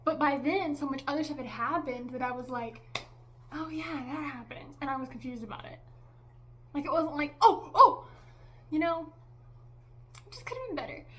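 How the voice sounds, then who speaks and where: Young woman, high voice, chatty exasperated vlog review, faint background noise. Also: expressive, a little fast, pauses often. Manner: chatty, exasperated, heavy use of "like" and "okay?". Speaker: vlogger reviewing a movie. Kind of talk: casual opinionated review.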